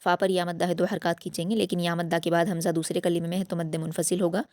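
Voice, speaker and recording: Woman, recitation teacher, low steady voice, smooth tone, patient step-by-step explaining, dry close sound. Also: no echo. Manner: patient, explains rules then recites slowly. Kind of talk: slow step-by-step recitation lesson.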